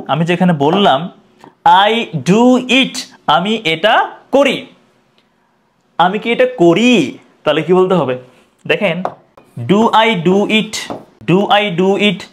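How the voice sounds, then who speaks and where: A man teaching English in a video lesson. He repeats example sentences slowly and keeps asking the viewer questions. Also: high-pitched.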